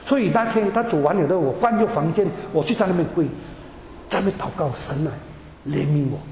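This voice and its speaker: A man tells his personal testimony to a congregation in a high voice, tripping over repeated words and slipping English terms into his speech. He is recorded in a large hall that gives every phrase a long, roomy reverb. A faint room hum sits underneath. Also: fast talker, a little mellow. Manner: stammering repetitions, drops in English words. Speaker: church member giving a testimony.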